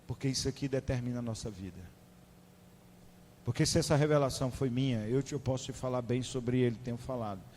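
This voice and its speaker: A man preaching a sermon in a conversational, animated way, speaking straight to his listeners. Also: mid-range voice, quick pace, long reverb tail, slight background noise.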